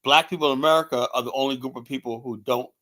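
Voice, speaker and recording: His tone stays steady and a bit bright at a medium pitch while he delivers heated political commentary as a streamer host. He is blunt, repeats himself, relies on "you know" as filler, and mocks others by quoting them in put-on voices.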